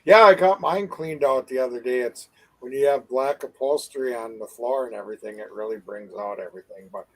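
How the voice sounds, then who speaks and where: A man's voice: mid-range voice, fairly quick, fairly bright tone, poor audio. A middle-aged man co-hosting a live online show, chatting in an easygoing, rambling way with many uhs. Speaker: co-host of a live advocacy show. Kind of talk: casual chat.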